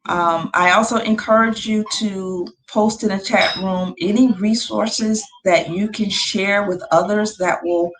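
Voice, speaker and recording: A woman with a mid-range voice speaks in a steady tone, unhurried and with few pauses, against a noisy background. As host of an informal online webinar on a video call, she patiently and encouragingly helps a guest share their screen, sounding a little hesitant.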